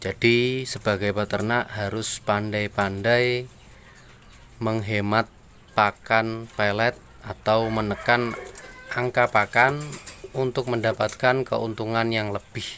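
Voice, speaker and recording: A rabbit farmer, explaining feed tips to viewers in a relaxed, friendly vlog. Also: male voice, lowish voice, slow pace, long pauses, a little hiss or hum. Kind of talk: casual how-to vlog. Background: birds and chickens.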